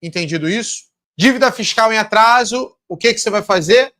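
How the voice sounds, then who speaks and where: Brazilian guy coaching store owners, high voice, blunt, curses a lot, acts out the back-and-forth with suppliers. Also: animated, brisk, pushed and bright. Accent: Brazilian Portuguese. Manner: blunt, swears, acts out dialogues. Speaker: business coach for supermarket owners. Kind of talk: live seminar teaching.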